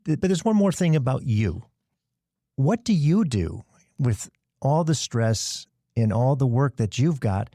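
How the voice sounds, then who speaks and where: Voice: medium pitch, mellow, no room sound, clean studio sound. A podcast host asking questions in an earnest, grateful manner, laughing along with the guest. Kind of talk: conversational interview.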